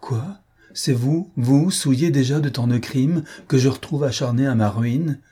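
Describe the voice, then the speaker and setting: A man's voice: medium pitch, measured pace, dark tone, breathy edge, pitched above the performer's own voice. A man voicing a terrified aristocratic marquise in an audiobook, with anguished, breathless exclamations. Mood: accusing. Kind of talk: audiobook character voice.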